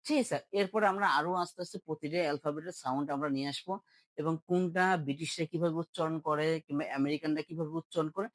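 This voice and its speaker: Man, online pronunciation teacher, brisk delivery, dry close sound, calls for repeat-after-me drills. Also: on the high side, steady tone, a bit bright, dry recording, rough recording. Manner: drills words, asks viewers to repeat after him.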